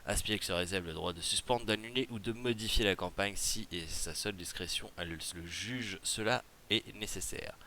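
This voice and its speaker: A man's voice: fairly low pitch, normal speed, hardly any pauses, bright, forceful tone, a little hiss or hum. A man with a Quebec French accent explains a game promotion in a casual tutorial, reading rules aloud and then chatting loosely with fillers and asides. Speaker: gaming video creator.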